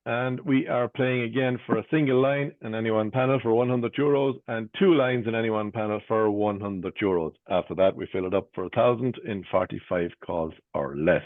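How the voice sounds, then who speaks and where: A man's voice: fairly low pitch, a little fast, few pauses. Irish guy doing bingo caller stuff, sing-song number calls, sounds like its coming down a phone, no room echo. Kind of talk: bingo calling, numbers announced in traditional call phrases. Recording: tinny phone-like band-limited sound.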